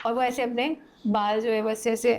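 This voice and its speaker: A woman's voice: on the high side, normal speed. A young adult woman, a podcast guest, casually telling a spooky story and acting out the people in it. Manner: animated narration, acting out quoted characters.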